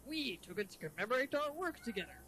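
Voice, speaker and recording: A woman voicing a gruff police chief man in a rough, gravelly sea-captain impression, with noise behind her. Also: on the high side, sing-song, quick pace, fairly bright tone. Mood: jovial. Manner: gravelly Mister Krabs impression. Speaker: let's play co-host.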